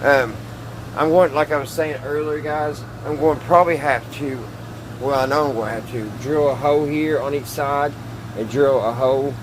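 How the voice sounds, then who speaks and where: A middle-aged man speaks at normal speed with a slightly high voice and fairly even intonation as he hosts his hobby radio repair channel. He thinks aloud in a folksy, hesitant, casual way while tinkering hands-on in a small wood-panelled workshop, against a noisy background.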